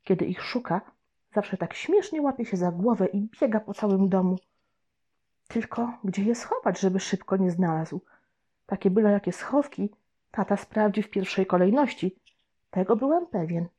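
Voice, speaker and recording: A woman reading a children's storybook aloud with gentle, expressive narration. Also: mid-range voice, normal speed, husky. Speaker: audiobook narrator. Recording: dull lo-fi recording.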